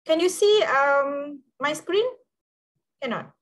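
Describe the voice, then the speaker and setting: A woman's voice: high-pitched, lively intonation, takes it slowly. A woman with a Malaysian English accent lecturing on law in an online class, heard on a screen recording from a computer mic and saying "okay" over and over as she explains each point.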